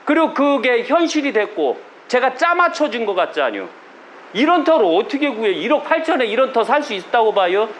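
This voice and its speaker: Religious leader, male, Chungcheong accent, very high and lively voice, blunt sermon full of rhetorical questions. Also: a little fast, a little hiss or hum. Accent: Chungcheong Korean. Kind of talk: sermon to followers.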